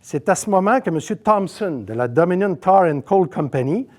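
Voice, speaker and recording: A man's voice: high-pitched, animated, moderate pace. A middle-aged man from Saguenay with a Québécois accent, giving a conversational seminar lecture with many asides and fillers. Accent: Québécois French. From Saguenay, Quebec. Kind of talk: storytelling lecture.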